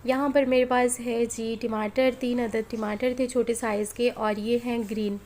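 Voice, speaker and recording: Fairly high and a little mellow, her delivery is flat and at normal speed. The speaker, a cooking vlogger from Pakistan in her thirties, has a sore, strained throat from flu and chats homely and directly to viewers in a home voice-over over faint street and household noise.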